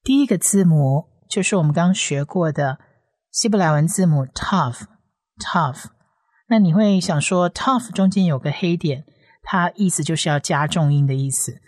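A woman teaches Hebrew reading one letter at a time. She speaks in a fairly low voice and draws out each sound, saying it two or three times over. The recording is dry and close, with no room sound. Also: unhurried, a little mellow, no room sound. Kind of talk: explaining letter by letter, slow repetitions.

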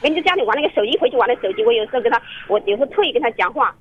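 Talking very fast, a woman with a fairly high, slightly rough and animated voice phones a radio counseling show. She relates her story earnestly but rambles and keeps starting over, all carried over a telephone line.

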